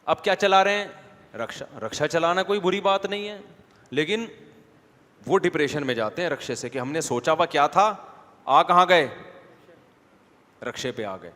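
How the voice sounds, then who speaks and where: A male preacher gives a religious lecture, his voice sitting a little higher than most men's. He talks in a casual, conversational way and keeps putting questions to the audience. A long reverb trails behind him, as in a large hall. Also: long pauses, pushed and bright. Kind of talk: Islamic lecture.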